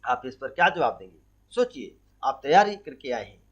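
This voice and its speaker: In a sing-song, mid-range voice with a fairly bright tone, a man preps students for an exam on Hindi poetry. He poses questions, supplies the answers himself, and reads the verses slowly. The recording is dull, lo-fi audio.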